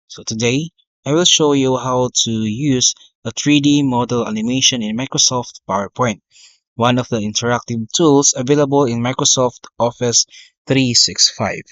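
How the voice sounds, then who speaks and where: A male teacher walking through a software tutorial step by step, often saying okay and correcting himself. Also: medium pitch, steady tone, moderate pace, dry recording. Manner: step-by-step, frequent "okay" and "uh" fillers, self-corrections. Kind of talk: screen-recorded software tutorial. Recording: dry, dull lo-fi mic.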